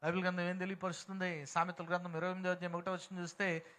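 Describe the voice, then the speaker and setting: Male pastor with a Telugu accent, high, bright voice, emphatic sermon delivery with call-and-response. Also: level tone, racing. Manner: emphatic, calls out to congregation for responses. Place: prayer hall.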